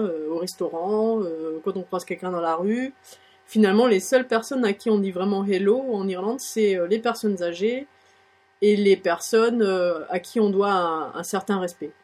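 Woman, French accent, chatty, encouraging, casual audio lesson, mid pitch. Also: darkish tone. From France. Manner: chatty, many fillers, encouraging. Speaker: blog host teaching English phrases.

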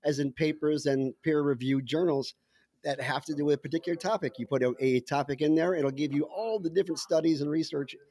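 A man's voice: on the high side, steady tone, a little fast, mellow. A man co-hosting a podcast as a scientist, wry and explanatory in casual chat over a video call. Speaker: scientist co-host.

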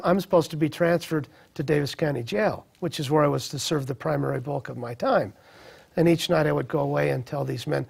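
A middle-aged man shares his personal story in an earnest, reflective way. His voice is gravelly and a little husky, with a slightly higher pitch than most men. He pauses and restarts as he recalls things. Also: a little mellow. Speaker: speaker sharing a personal testimony.

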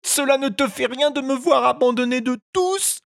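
Woman doing a high-voiced, impulsive wooden puppet boy for a storybook reading, all pleading cries; dry, close sound. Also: measured pace, no echo. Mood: grief-stricken.

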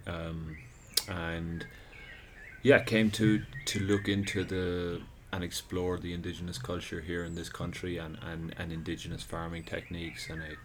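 A man's voice: sits low, little pitch movement, normal speed. An Irish man in his thirties, a podcast guest chatting casually on an outdoor deck, rambling with restarts. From Ireland. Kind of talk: casual chat. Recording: noisy outdoor background.

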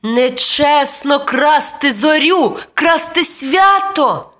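A woman voicing an eager, brave little boy in a children's storybook, with high, excited exclamations. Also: measured pace, soft background music. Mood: stern.

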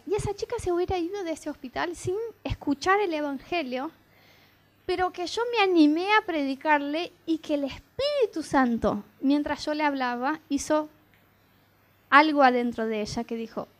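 A woman's voice: high voice, lively intonation, moderate pace. A young woman, giving a testimony sermon and acting out the dialogue as she tells the story.

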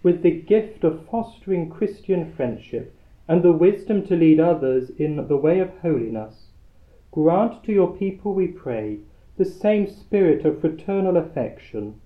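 A man leading Mass as a priest, reciting prayers in a solemn, measured way with a cathedral echo. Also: on the high side. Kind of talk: liturgical prayer, chanted-like recitation. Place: large church. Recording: tinny, echoey church recording.

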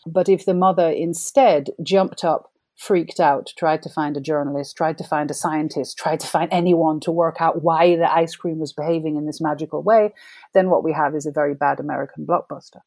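A woman's voice: low voice, fairly even intonation, moderate pace, darkish tone, no echo. A middle-aged woman novelist from Jamaica, talking about her writing in a thoughtful, reflective interview. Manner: thoughtful, reflective, laughs as she talks. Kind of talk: conversational interview.

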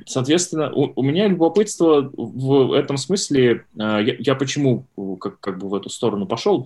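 A man's voice: medium pitch, darkish tone. A man in his thirties hosting an interview, talking in a rambling, self-deprecating way with many fillers and restarts. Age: 30s. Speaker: podcast host. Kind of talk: casual interview chat.

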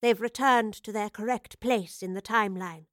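A woman voicing a female professor who answers calmly and quietly despite being in pain. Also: mid-range voice, no echo, clean studio sound, close to an everyday voice. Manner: calm, quiet, measured replies.

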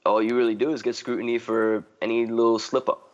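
A man's voice: medium pitch, flat delivery, a little fast, muffled recording. A man chatting casually as a guest artist, rambling, filling his talk with "like" and restarts and swearing freely. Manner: rambling, heavy use of "like" and restarts. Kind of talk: casual podcast chat.

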